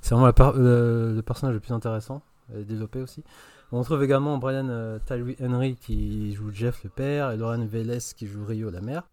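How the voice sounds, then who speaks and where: A man reviewing a film on a podcast, enthusiastic and opinionated, often pausing on fillers. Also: medium pitch, fairly even intonation, darkish tone, no room sound. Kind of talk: casual podcast chat.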